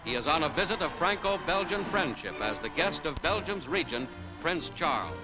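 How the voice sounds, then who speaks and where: Animated old-newsreel male announcer. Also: a little high, normal speed, poor audio. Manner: formal, emphatic announcer phrasing. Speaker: newsreel narrator. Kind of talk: old 1940s newsreel narration, dramatic scripted delivery. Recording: vintage newsreel soundtrack with music behind.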